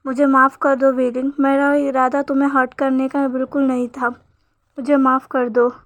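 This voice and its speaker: A reserved young husband who speaks in brief, apologetic lines, given a high voice that barely rises or falls, as a woman reads his part. He sounds contrite and withdrawn. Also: little pitch movement, moderate pace, dry recording, lightly acted. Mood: remorseful. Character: remorseful young man, possessive and quiet husband.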